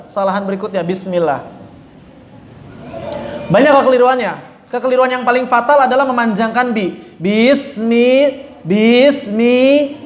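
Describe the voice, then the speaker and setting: A man teaching Quran recitation, correcting common mistakes and demonstrating right and wrong readings aloud. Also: very high voice. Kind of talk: tajwid lesson with recited examples. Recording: roomy echo.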